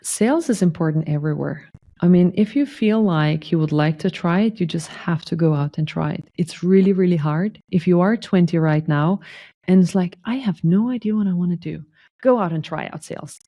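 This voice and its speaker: A woman in her thirties, originally from Lithuania, talks through her career as an interview guest. Her voice is mellow and fairly low, and she explains things earnestly with lots of little asides. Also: brisk. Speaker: sales guest. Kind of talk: conversational interview.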